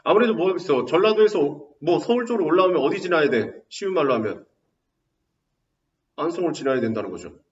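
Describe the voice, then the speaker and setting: A man teaching a high school Korean literature class, quizzing students with quick rhetorical questions. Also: big pitch swings. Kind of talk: lecture. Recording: roomy, dull, distant mic.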